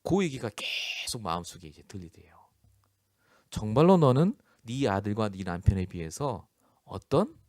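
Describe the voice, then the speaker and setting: A man's voice: medium pitch, no echo, clean studio sound. A male pastor delivering a storytelling sermon, acting out the people he quotes and laughing often. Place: church.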